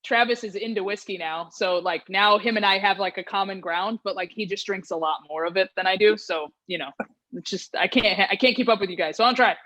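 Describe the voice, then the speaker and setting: A woman's voice: medium pitch, a little fast, pushed and bright. A woman guest on a podcast telling a story in casual chat, with many fillers, acting out the quoted lines as she goes. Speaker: podcast guest, hitting coach.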